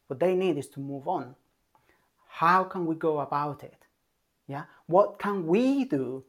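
Calm parenting coach who keeps asking "yeah?". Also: medium pitch. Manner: calm and emphatic, checks in with a frequent "yeah?"; repeats key points for emphasis. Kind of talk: advice talk to parents.

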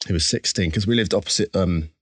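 A man's voice: sits low, fast, slightly rough, dry recording, studio quality. A man with an Essex accent, talking candidly and reflectively in a casual interview, with a self-deprecating, conversational way about him. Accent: Essex English. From Essex, England. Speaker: interview guest, musician.

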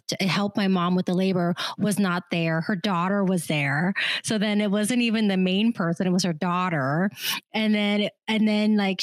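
Woman, from Vietnam, middle-aged, lively storyteller, quick asides, dry close sound. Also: mid-range voice, no echo. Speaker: podcast co-host. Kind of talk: casual conversation.

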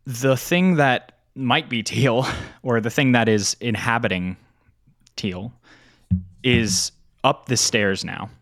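A man narrating a tabletop game as game master, describing scenes in an unhurried way. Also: medium pitch, fairly bright tone, no echo, clean studio sound.

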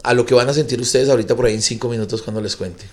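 A man's voice: mid-range voice, rapid-fire. A middle-aged man with a Colombian accent, a comedian guest telling a long story in a casual chat and acting out the people in it. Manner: animated storyteller who acts out the voices of the people in his stories.

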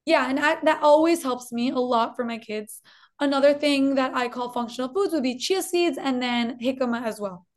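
With a high voice at normal speed, a Colombian woman in her thirties explains things as a dietitian guest in an interview. Her slight Colombian Spanish accent comes through, and her friendly manner includes repeating for emphasis.

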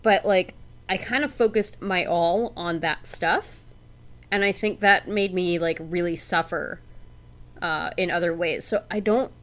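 A woman's voice: fairly low pitch, measured pace, fairly bright tone. A woman co-hosting a podcast in casual chat, talking with many fillers into a home mic. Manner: chatty, with many fillers and laughs. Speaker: podcast co-host.

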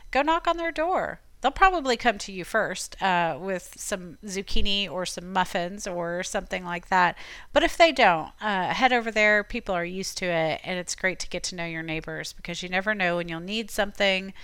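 A woman from Florida hosting a podcast, giving chatty, encouraging advice in a relaxed conversational way. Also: mid-range voice, normal speed, clean tone, no room sound. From Tampa, Florida. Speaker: podcast host. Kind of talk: casual advice talk.

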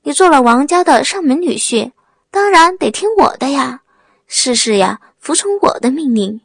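A woman's voice: sits high, big pitch swings, a little slow, no room sound, full character voice. A woman voicing a domineering young bride who talks down with scorn and shrieks in anger. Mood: scornful.

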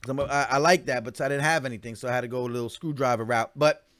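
A man hosting a casual solo podcast, talking fast and animated about local events, with lots of fillers and restarts. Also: medium pitch. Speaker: podcast host.

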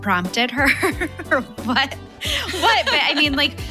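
A talkative woman in her thirties tells a family story in a relaxed, casual way. She laughs often and fills her speech with little verbal fillers, and music plays softly behind her. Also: high-pitched, slow. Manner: chatty, laughs often, many fillers like "like" and "you know". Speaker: guest, mother telling a family story.

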